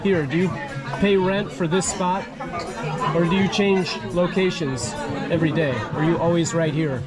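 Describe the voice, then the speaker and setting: Higher-voiced man interviewing in a crowded place. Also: steady tone, normal speed. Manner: simple, direct questions, echoing answers back. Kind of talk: casual travel interview. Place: busy market and street. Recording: noisy outdoor market, crowd and music.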